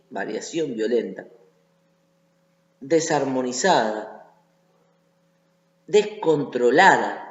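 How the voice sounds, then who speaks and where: A man with a Rioplatense Spanish accent teaching a voice lesson, explaining step by step and often checking in with the listener. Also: a little high. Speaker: singing teacher. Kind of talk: online voice lesson. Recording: echoey lo-fi room recording.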